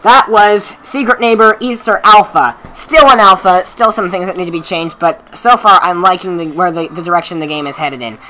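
A woman hosting a let's play video, teasing friends and shouting at the game in casual commentary. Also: on the low side, normal speed, hardly any pauses, a little hiss or hum, poor audio. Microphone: desk microphone.

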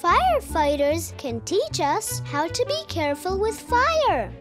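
A performer voicing a cheerful, curious three-year-old boy bunny puppet hosting a preschool show, talking in a slow, exaggerated, sing-song, wondering way. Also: extremely high pitch, very animated, exaggerated voice. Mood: curious, helpful. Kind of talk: children's educational puppet show, talking to young viewers. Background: children's music.

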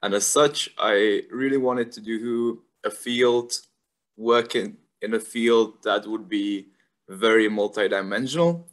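A man's voice: on the low side, slow pace. A young man from the Republic, a university student talking casually and thoughtfully about his studies, with frequent fillers. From Czech Republic. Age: young adult. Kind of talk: casual informational talk.

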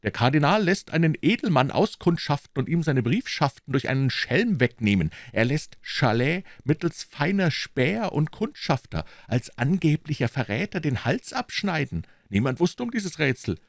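A man doing a loud, smug boastful musketeer. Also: a little high, very animated, normal speed, gravelly, hardly any pauses, dry recording, studio quality, pitched above the performer's own voice. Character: boastful, self-satisfied adult male musketeer.

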